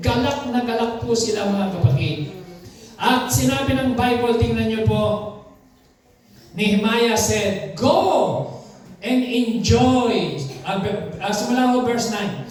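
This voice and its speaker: A man's voice: very high-pitched, slow pace. A man with a Filipino accent preaching a sermon, reading scripture aloud and calling for amens. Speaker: pastor. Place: church hall. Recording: echoey hall, voice from far off.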